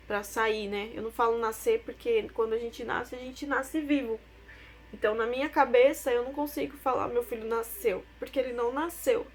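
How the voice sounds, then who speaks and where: A young woman, telling her own story as a personal testimony, emotional and tearful at times. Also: fairly high pitch.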